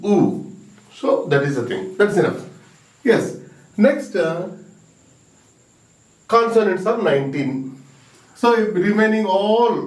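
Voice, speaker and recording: A man teaching an exam-prep English grammar lesson, slow and emphatic, repeating key words and sounding out letters. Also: high-pitched. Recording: roomy echo, mic at a distance.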